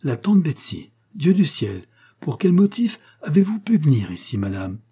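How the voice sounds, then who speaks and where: A man voicing an indignant middle-aged widow who scolds fast and loud in a storybook reading. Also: medium pitch, lively intonation, breathy edge. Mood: shocked.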